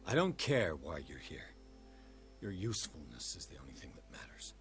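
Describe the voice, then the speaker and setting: A man's voice: very deep voice, very animated, normal speed, fairly bright tone, full character voice. An actor playing a world-weary male investigator in a video game, terse, dry and sarcastic. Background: game music.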